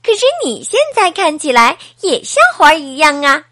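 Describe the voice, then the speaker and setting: A woman voicing a kind, lively young boy hedgehog friend who talks loud, fast and eager in a children's story. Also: high voice.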